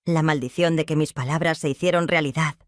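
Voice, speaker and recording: A woman's voice: low voice, steady tone, brisk, no echo, clean studio sound, close to an everyday voice. A woman reading the lines of a grief-stricken widowed mother, confessing in a trembling, sobbing voice. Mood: anguished.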